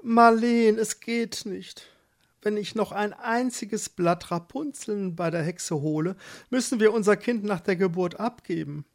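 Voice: medium pitch, a little slow, voice pushed up, natural voice. A narrator voicing a worried young husband in a storybook, earnestly persuading. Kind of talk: storybook reading.

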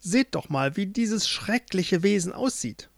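A man's voice: high-pitched, expressive, measured pace, creaky, no room sound, voice pushed up, full character voice. A man voicing a gleeful, spiteful old witch in a spoken fairy tale, mocking and gloating.

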